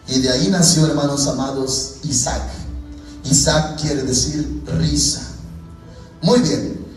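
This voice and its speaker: A man's voice: a little high, a little hiss or hum. A man preaching a sermon to his congregation. He calls them brothers, asks rhetorical questions and acts out people's pleas to God. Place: church hall. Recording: echoey hall, distant mic, faint music.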